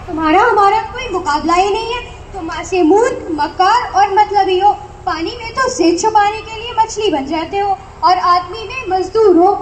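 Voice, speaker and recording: Woman playing proud alphabet letter, firm, school skit, echoey room, faint noise. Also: very high-pitched. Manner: scornful, then conciliatory.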